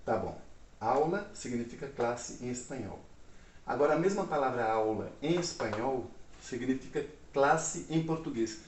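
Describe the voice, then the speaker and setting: A man teaching Spanish in a casual online lesson, explaining slowly and checking in with listeners often. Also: mid-range voice, animated, recorded from a distance, slight background noise. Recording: echoey room.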